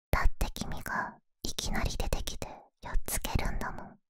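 A woman voicing a shy, affectionate young animal-eared girl in a whispered role-play, soft breathy bedtime pillow talk close to the microphone. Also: natural voice. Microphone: close, dry microphone.

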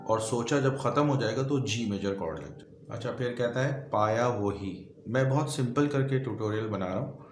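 A man's voice: medium pitch, normal speed, few pauses. A man teaching a song on piano, patiently explaining each note, chord and finger step by step. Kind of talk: step-by-step music tutorial. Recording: echoey room with piano playing.

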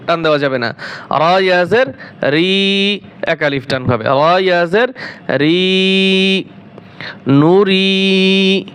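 A man teaching Quran reading in a slow spelled-out lesson, drawing out syllables and then explaining briskly, asking and answering his own questions. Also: a little high, fairly bright tone.

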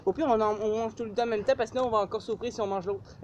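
A man's voice: high-pitched, fairly even intonation, rapid-fire, dull audio. A young man with a Quebec French accent hosts a casual challenge vlog outdoors. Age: young adult. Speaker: vlog host. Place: outdoors in front of a shed. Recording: outdoor amateur camera, faint noise.

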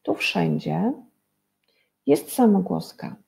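A woman teaches young children to read, taking her time over every sound. Her voice is low, mellow and a little gravelly. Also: big pitch swings. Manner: slow, patient, drawn-out syllables for children. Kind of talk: early-school reading lesson.

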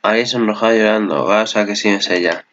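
A man's voice: fairly low pitch, brisk, dull audio, noisy background. A man with a Spanish accent from Spain giving casual, rambling reaction commentary on an anime, swearing often.

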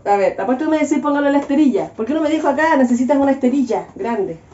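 A woman's voice: high voice, animated, racing, mellow. Chatty Chilean woman in an echoey kitchen. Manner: exasperated, joking rants with frequent laughs. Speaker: vlogger. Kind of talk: casual cooking vlog chat. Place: home kitchen. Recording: echoey, dull-sounding room.

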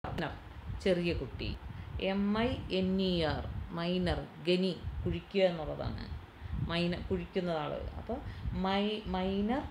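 A woman's voice: lowish voice, slow pace, creaky, noisy background. A woman instructor teaching a class in a Malayali English accent, repeating words and spelling them out letter by letter. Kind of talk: classroom lesson explaining English pronunciation. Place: training institute classroom.

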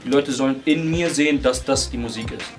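A 21-year-old man and hip hop dancer, talking casually about his dancing in a relaxed, searching way with many fillers and restarts. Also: medium pitch, a little fast. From Germany. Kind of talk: casual interview talk. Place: indoors beside a wooden wall. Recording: music playing under the voice.

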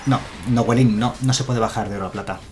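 Chatty Spanish streamer over soft music. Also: male voice, mid-range voice, fairly even intonation, fast talker. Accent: Spain Spanish. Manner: chatty, answers chat, muses aloud. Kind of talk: casual live-stream commentary. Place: home room with a chair.

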